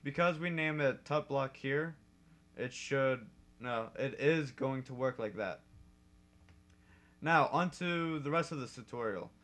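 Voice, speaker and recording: At his desk, a young modding tutorial host chats through a casual coding lesson, quickly fixing his own slips. His middle-pitched voice is a bit bright, and keyboard clacking can be heard behind him.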